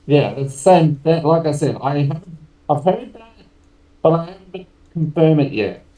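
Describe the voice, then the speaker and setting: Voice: medium pitch, expressive, normal speed, mellow, recorded from a distance. A co-host on a political chat show, chiming in with short agreements and hesitant asides. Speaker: podcast co-host. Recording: echoey room, away from the mic.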